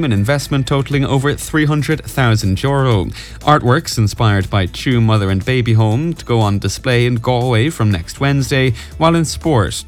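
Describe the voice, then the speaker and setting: Man, Irish accent, radio news presenter, medium pitch, scripted delivery, light music bed. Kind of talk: scripted news and weather reading.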